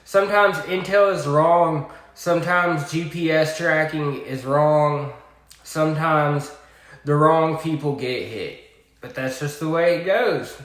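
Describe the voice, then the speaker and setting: Southern guy doing a slow political rant, kinda high voice, sarcastic bits. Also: a bit bright, roomy sound. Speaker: commentator. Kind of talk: political commentary monologue.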